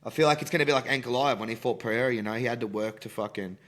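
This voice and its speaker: Young aussie guy, middling pitch, blokey casual sports talk, swears heaps. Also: racing, a bit bright. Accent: Australian. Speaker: fight prediction podcast host.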